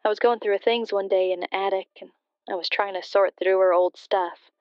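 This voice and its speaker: Voicing a grieving daughter who calls a late-night radio show, an actress delivers confessional radio-drama storytelling that is hesitant, subdued and wistful. Her tone is smooth and clean with even intonation, mid-range, a little fast and close to an everyday voice. The recording is dry, but the phone-in sound is muffled, band-limited and slightly dull.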